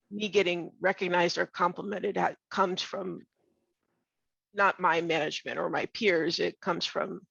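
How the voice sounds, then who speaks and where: A middle-aged woman talks bluntly on a video call, her voice rough, gravelly and husky because she is losing it. She halts and restarts as she thinks. The sound is dry and a little muffled. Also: fairly low pitch, a bit bright, dry recording. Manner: blunt, candid, halting with restarts. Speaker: webinar participant. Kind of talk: casual discussion on a video call.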